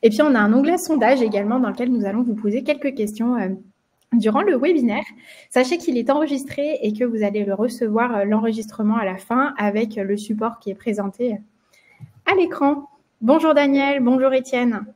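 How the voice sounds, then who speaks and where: Hosting a live webinar, this marketing manager from France talks fairly quickly in a warm, fairly high voice. Her French-accented speech is full of fillers and restarts, and her throat sounds a bit froggy.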